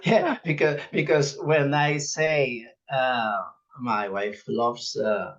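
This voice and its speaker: A man from Barcelona speaking halting English with a Spanish accent, a musician guest in a casual interview who laughs often. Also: medium pitch, a bit bright, muffled recording. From Spain, Barcelona. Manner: halting, simple non-native English with frequent laughs.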